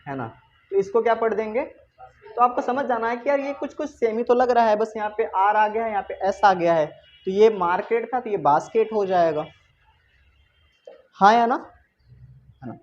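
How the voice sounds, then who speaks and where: A woman's voice: medium pitch, darkish tone, muffled recording. Woman teacher checking in with "isn't it?". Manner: keeps checking with the students by asking "isn't it?"; playful, talks to the pupils with rhetorical questions. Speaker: English teacher. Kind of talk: classroom lesson.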